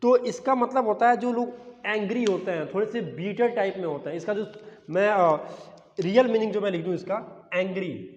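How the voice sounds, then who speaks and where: Male exam-prep tutor, high voice, drills words by repetition; dull lo-fi audio with reverb. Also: normal speed. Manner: repeats key words as questions to the class. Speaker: English teacher for exam prep. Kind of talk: explanatory classroom-style lesson.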